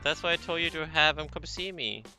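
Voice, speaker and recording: A gruff, protective father from a video game story, loud and blunt as a man plays him. His voice sounds sharp and bright, with faint music in the background. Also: a little high, expressive, fairly quick, voice pushed up, exaggerated voice. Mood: gruff, stern.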